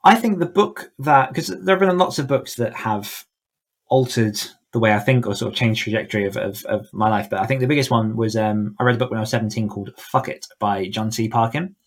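On a podcast, a male guest, a horror author and coach, talks in an easygoing, gushing, enthusiastic manner, his low-leaning voice moving at a brisk clip.

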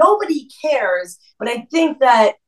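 A woman in her thirties with a New Jersey Italian-American accent, a podcast guest telling a story in an animated way and saying "like" a lot. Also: high-pitched, measured pace, recorded from a distance, poor audio. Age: 30s. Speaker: podcast guest, restaurant co-owner. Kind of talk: casual chat.

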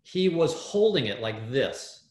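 A man, a guest in an interview, telling a story in an animated way with many fillers and restarts over a video call. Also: mid-range voice, slow pace. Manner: excitable, lots of fillers and restarts. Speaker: guest, startup hardware builder. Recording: roomy echo.

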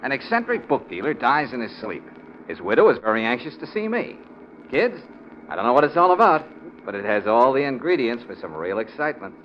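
Man acting wry private detective, male, animated delivery, 1940s radio drama, dull vintage recording. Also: mid-range voice, brisk, close to an everyday voice. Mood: brisk, intrigued.

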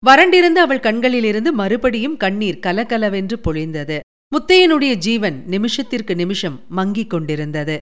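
Smooth-voiced woman narrating an audiobook. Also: medium pitch, lively intonation, normal speed. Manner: dramatic, emotive storytelling.

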